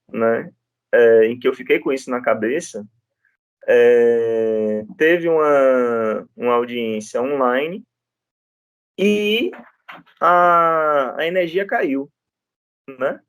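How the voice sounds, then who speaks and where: A male law lecturer with a Brazilian Portuguese accent teaches informally, telling stories and frequently using tag questions to check in with listeners. His voice is mid-range. The studio-quality recording has no room sound.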